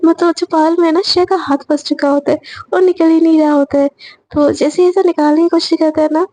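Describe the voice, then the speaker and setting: A woman's voice: sits high, mellow. A woman casually narrating a romantic story in a chatty way, slipping into each character's lines.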